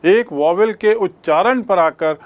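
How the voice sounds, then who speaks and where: A male teacher, explaining grammar in a classroom lesson, slowly repeating and spelling out words. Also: high-pitched. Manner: slow, repeats and spells out words, mixes English phrases.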